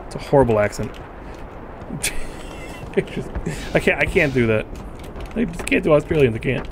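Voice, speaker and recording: A man's voice: medium pitch, animated, moderate pace, noisy background. A man streaming a game live, giving casual, rambling commentary full of "like" fillers and frustrated swearing. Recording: game sounds clearly audible under the voice.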